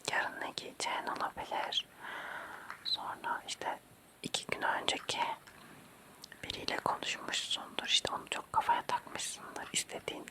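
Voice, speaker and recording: An ASMR host in a whispered role-play, speaking quietly as if at night, softly reassuring and coaxing a listener to sleep with repeated words. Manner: hushed, quiet night-time bedtime whisper, slow and repetitive.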